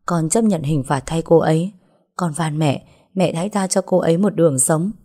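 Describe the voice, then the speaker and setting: A woman's voice: lowish voice, unhurried, dark tone. A woman voicing a desperate young woman who earnestly begs for mercy. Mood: pleading. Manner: pleading, earnest. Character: desperate young woman pleading with her adoptive mother.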